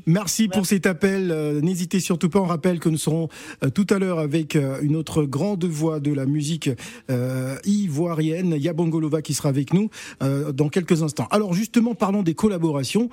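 A man hosting a radio show, taking listener calls in a lively manner with frequent hesitations. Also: a little high, normal speed. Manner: lively, hands over to callers, many fillers. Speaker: radio host.

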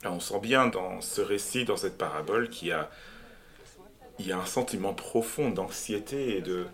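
Un homme à l'accent québécois, coanimateur d'un balado, qui réfléchit à voix haute avec de nombreuses hésitations et reprises, puis lit un extrait à voix haute. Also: male voice, sits low, lively intonation, moderate pace, a bit bright. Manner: hesitant, many restarts. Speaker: podcast co-host. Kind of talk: reflective podcast talk and reading aloud.

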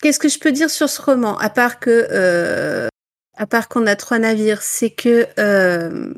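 A woman's voice: fairly high pitch, a little slow. A woman from northern France chatting at a book club, presenting a novel with many fillers and self-mocking asides. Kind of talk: casual book club chat.

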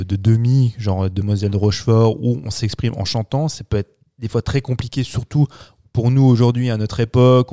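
A man co-hosting a casual film podcast, relaxed and thinking aloud as he talks. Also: fairly low pitch, no room sound, studio quality. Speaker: podcast co-host.

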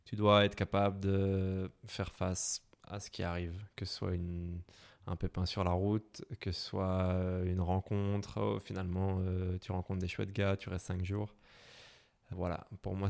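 A man's voice: deep voice, gravelly, darkish tone. A young man from Belgium with a Brussels accent, speaking casually in an interview, hesitant with many fillers and restarts. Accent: Brussels French. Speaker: interviewee, motorcycle traveler.

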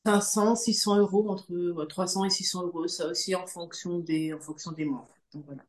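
A woman in her forties from Guadeloupe, appearing as a podcast guest and coaching client, shares a conversational personal testimony and repeats phrases for emphasis. Her voice is lowish, brisk, and fairly even in intonation, and the room sounds echoey.

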